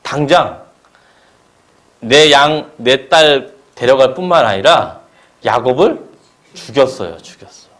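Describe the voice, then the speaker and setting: A man's voice: mid-range voice, slow, long pauses, a bit bright. A male preacher at a church service, preaching a sermon and asking the congregation paired questions. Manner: asks the congregation question-and-answer pairs.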